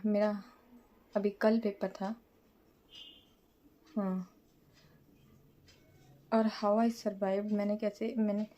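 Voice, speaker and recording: A woman's voice: a little high, dark tone, lo-fi sound. A young woman chatting casually in a makeup vlog, rambling and self-mocking, often searching for words and mixing in English. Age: young adult. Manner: mixes English words into speech. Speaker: vlogger.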